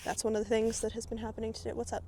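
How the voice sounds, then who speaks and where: Racing and monotone, a woman with a slightly high, dark-toned voice vlogs as she grooms her horse at an outdoor barn. She sounds winded and rambles with many fillers, over a bit of hiss or hum.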